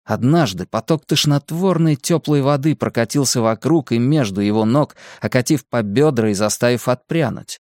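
A man narrating an audiobook in a steady, measured reading voice. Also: medium pitch, dry recording, studio quality.

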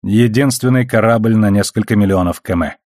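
A man's voice: on the low side, normal speed, a little mellow, no echo, studio quality, lightly acted. A man reading a terse female comms officer. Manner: terse and matter-of-fact. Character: curt female communications officer. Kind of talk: audiobook character reading.

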